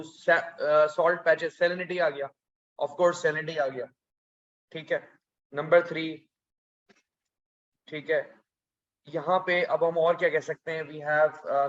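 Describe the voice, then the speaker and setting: High-voiced male teacher, muffled. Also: fairly bright tone. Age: adult, past school age. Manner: chatty and teasing, code-switching with English, repeats key points. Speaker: geography teacher. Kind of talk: classroom lecture.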